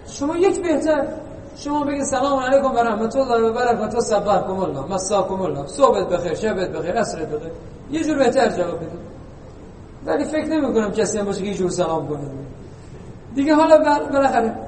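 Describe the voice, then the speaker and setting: A man's voice: very high voice, lively intonation, darkish tone. A man giving an informal religious lesson to a congregation, chatty and teasing, asking rhetorical questions. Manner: conversational, rhetorical questions and jokes. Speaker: preacher. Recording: echoey hall, distant mic, faint noise.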